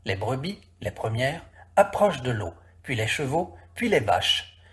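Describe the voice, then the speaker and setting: A man narrating a classic story in a vivid, expressive reading. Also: medium pitch, a little slow.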